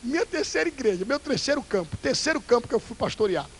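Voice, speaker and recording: A male Pentecostal pastor, preaching a fiery, theatrical sermon that swings between loud bursts and hushed asides. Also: extremely high pitch, very animated, quick pace, a little hiss or hum, poor audio. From Brazil.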